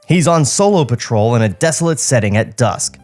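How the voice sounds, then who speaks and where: A podcast host briskly reads the stage directions of a comedy podcast script, adding wry asides. His mid-pitched voice is very animated, and music plays in the recording.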